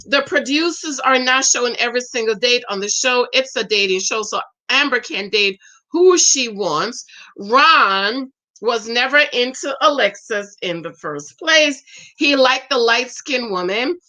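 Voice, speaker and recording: On a livestream, a talkative woman in her forties reviews a show, reading viewer comments aloud and firing back with sass. Her high voice carries a bright, forward edge, and she sounds animated while keeping a measured pace.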